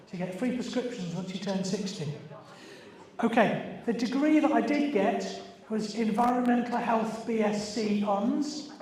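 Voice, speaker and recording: His voice is very high with a darkish tone: a British man of sixty hosting a birthday party quiz, rambling and halting as he chats informally with the guests. The live party takes place in a very echoey room, and the microphone is far away.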